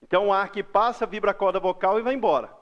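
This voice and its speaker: Brazilian male teacher, fairly high voice, patient lesson delivery that stretches out example words. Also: fairly even intonation, dull audio. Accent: Brazilian Portuguese. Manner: patient, drawn-out example words, frequent "ó" and "beleza?". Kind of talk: recorded school lesson for kids.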